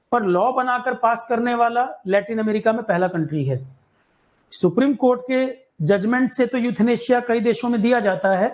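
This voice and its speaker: A man's voice: high-pitched, low-quality recording. A man from India teaching a current affairs lesson for exam preparation, repeating key facts and checking that students follow. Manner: repetitive, drills key facts, asks "clear?".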